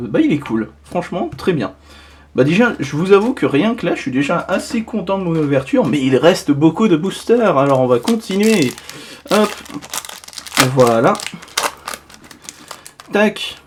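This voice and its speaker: A man's voice: fairly high pitch, darkish tone. Chatty young-sounding man opening cards. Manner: chatty, rambling, full of little "hop, voilà" asides. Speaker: card collector opening boosters. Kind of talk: casual unboxing commentary.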